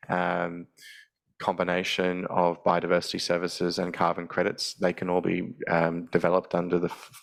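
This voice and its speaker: A man's voice: deep voice, vocal fry. A man with a headset answering webinar questions about a forestry project, hesitant, with many ums and restarts.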